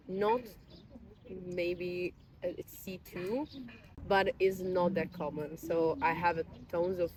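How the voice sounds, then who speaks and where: A woman's voice: on the low side, a little mellow, a little hiss or hum, rough recording. A woman in her twenties, a guest in a casual chat outdoors in a park, explaining at length in a thoughtful, self-deprecating way. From Italy. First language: Italian.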